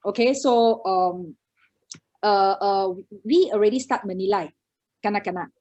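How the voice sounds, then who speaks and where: A woman's voice: mid-range voice, slow pace, warm tone, dull audio. A woman with a Malaysian accent giving an informal conference talk as a preschool educator, mixing Malay with English and punctuating her points with short checking words. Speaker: guest speaker, preschool educator.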